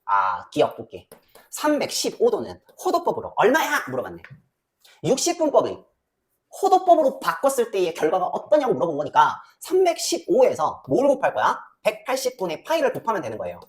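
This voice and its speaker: Animated woman teaching math. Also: mid-range voice. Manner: lively, banmal with quick questions to students, muttering while calculating. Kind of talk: classroom lecture.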